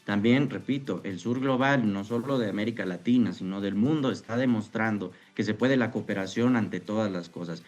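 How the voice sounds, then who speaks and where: Halting male commentator. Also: on the low side, darkish tone, highs cut off, soft background music. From Mexico. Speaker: interviewed political commentator. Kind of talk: live political analysis.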